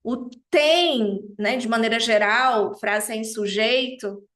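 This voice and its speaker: A woman's voice: fairly high pitch, slow, a bit bright. A woman teaching French grammar to beginners, checking in with her students often and stressing each French phrase as she says it. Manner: didactic, checks in often with "tá bem?".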